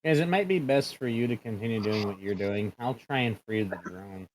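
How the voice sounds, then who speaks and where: A man's voice: fairly low pitch, a little fast, a little hiss or hum, poor audio. A man in casual voice-call chat as a tabletop game player, thinking aloud and correcting himself as he goes.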